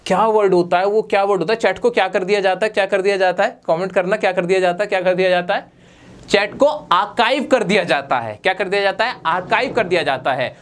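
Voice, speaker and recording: A man teaching English pronunciation to viewers, over-articulating each word and repeating it, quizzing his listeners. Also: high-pitched. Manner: over-articulates words with a wide-open mouth. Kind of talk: spoken lesson to viewers.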